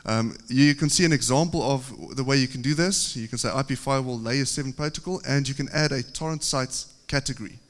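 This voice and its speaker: Standing at the podium of a large, reverberant conference hall, a medium-pitched man from South Africa presents technical material in his South African accent. He explains steadily, pausing now and then on fillers.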